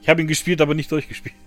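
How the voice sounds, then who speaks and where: A man hosting a casual podcast, talking loosely with many fillers and restarts and laughing often. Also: medium pitch. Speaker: podcast host.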